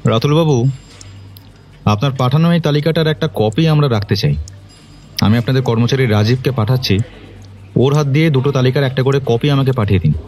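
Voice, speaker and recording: An actor playing a commanding police detective who questions witnesses firmly. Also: male voice, mid-range voice, a little fast, long pauses, a little mellow, soft background music, lightly acted. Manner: firm, authoritative questioning.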